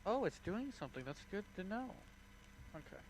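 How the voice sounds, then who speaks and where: A man's voice: sits high, big pitch swings, moderate pace, poor audio. A man hosting a casual group chat on a call, joking and teasing his friends. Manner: joking, teasing, playfully counting aloud. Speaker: host.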